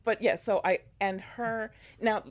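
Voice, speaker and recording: A woman in casual podcast chat, animated and full of fillers and restarts. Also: medium pitch, a little slow, a crowd in the background. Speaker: podcast co-host. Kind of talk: casual chat about a TV show.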